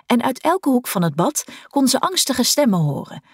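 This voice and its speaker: Breathy, expressive woman audiobook narrator. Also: on the high side, moderate pace, dry recording, studio quality. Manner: expressive storytelling.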